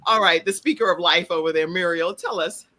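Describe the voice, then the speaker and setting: A woman's voice: fairly low pitch, brisk, bright, forceful tone. A woman hosting a talk show interview over a video call, bubbly and casual, laughing often and calling her guests "y'all.". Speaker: host. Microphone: video call mic.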